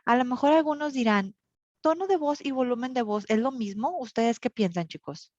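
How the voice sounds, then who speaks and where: A woman teacher from northern Mexico with a Monterrey Mexican Spanish accent lectures an online class in a slightly high, a little mellow voice at normal speed. Her explanations are full of fillers and tag questions, and the recording is dry, dull and lo-fi.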